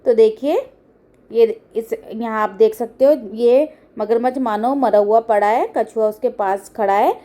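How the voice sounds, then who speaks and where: A woman's voice: on the high side, a little slow, warm tone. A woman teacher explaining a children's school lesson, paraphrasing each line in simple words.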